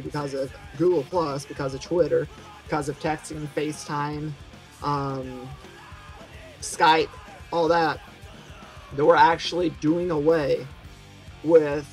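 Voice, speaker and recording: A man's voice: on the high side, level tone, unhurried, faint music behind, rough recording. A man in his thirties rambling reflectively to a camera in a vlog monologue. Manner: reflective, musing. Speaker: vlogger. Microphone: camera mic.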